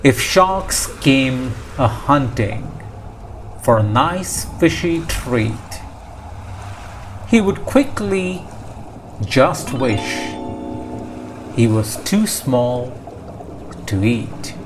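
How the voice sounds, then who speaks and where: Reading a children's story aloud from a script, this man goes very slowly and measures his delivery, stopping between short phrases. His pitch is medium but swings widely, with clear ocean sound effects in the background.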